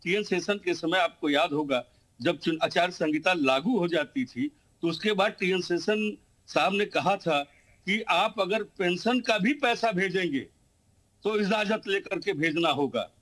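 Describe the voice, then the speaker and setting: A man's voice: high voice, unhurried, a bit bright, poor audio. A man arguing heatedly as a panelist in a TV news debate, talking over the others. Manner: combative, talks over others.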